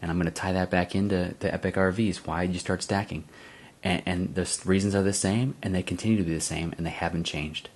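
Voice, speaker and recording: A man's voice: deep voice, fairly even intonation, fast talker. A man hosting his own channel, casually telling a story to viewers, often chuckling and calling them guys. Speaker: channel host.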